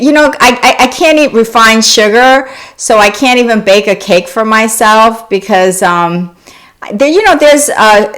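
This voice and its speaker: A woman with a fairly low voice hosts a wellness live stream, chatting in a loose, unscripted way. She greets viewers, answers their questions and often restarts her sentences. She was born in South Korea. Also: fairly bright tone. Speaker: wellness channel host. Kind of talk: casual live-stream chat.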